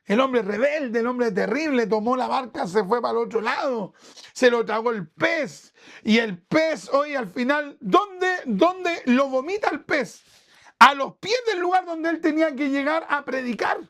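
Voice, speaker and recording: A man's voice: very high-pitched, vocal fry, a bit bright. A man with a Chilean accent preaching a sermon at a church service, talking conversationally and asking the congregation one rhetorical question after another. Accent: Chilean Spanish. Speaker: pastor.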